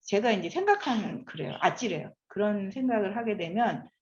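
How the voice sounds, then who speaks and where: A woman's voice: medium pitch, brisk. A woman in her fifties giving a lecture, often asking the audience questions. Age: 50s. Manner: animated, asks the audience questions. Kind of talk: classroom lecture. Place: lecture room. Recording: echoey room, slightly dull sound.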